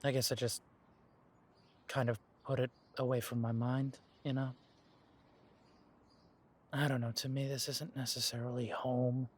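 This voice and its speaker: In an audio roleplay, a man plays an easygoing young werewolf speaking directly to the listener. His middling, slightly rough voice is unhurried with long pauses, and he sounds relaxed, reflective, and reminiscing, chuckling softly often.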